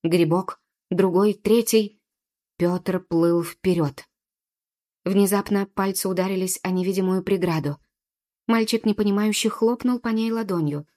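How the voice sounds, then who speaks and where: A woman reading a children's adventure story aloud in an expressive, dramatic narration. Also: mid-range voice, unhurried. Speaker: audiobook narrator.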